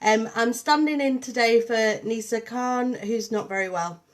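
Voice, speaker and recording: A woman from Liverpool, England, an artist and programme coordinator, hosts a casual livestream. Her accent mixes Liverpool and St Helens with a touch of Yorkshire, and she speaks unhurriedly in a voice on the high side, greeting viewers warmly and saying um a lot.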